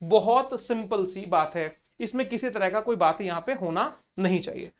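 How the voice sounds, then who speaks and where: A man's voice: high-pitched, expressive, moderate pace. A male teacher giving an exam-prep lecture in a conversational way, often asking rhetorical questions and addressing students casually. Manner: colloquial address to listeners.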